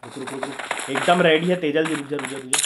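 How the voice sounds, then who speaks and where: A male game streamer giving live commentary on a match, joking with his viewers and shouting in the tense moments. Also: mid-range voice, quick pace. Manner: excitable, shouting during fights, joking. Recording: loud background noise.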